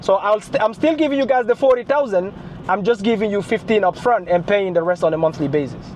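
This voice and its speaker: High-voiced man on a three-way phone call. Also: fast talker, a little mellow. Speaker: real estate investor. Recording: phone call with faint noise.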